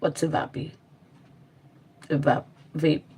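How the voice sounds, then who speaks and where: A woman's voice: deep voice, fairly even intonation, slow, darkish tone, slight background noise. A woman from the Philippines hosting a casual livestream, chatty and sassy as she mixes Tagalog and English. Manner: sassy and teasing. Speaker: livestream host. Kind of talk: casual live-stream chat.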